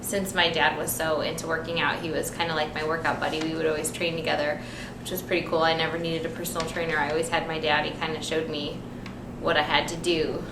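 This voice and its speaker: A young American woman, a nurse and figure athlete, gives a casual self-introduction in an interview, talking about her life in a relaxed, chatty way full of ums and other fillers. Her voice is low and her pace quick. The noisy recording was made in an echoey room with the mic far away.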